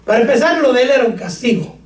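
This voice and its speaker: A man's voice: extremely high pitch, animated, quick pace. A man preaching a sermon as pastor, calling out questions to the congregation and joking between points. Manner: preaching with call-and-response, joking asides. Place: church sanctuary. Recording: echoey church, far from mic.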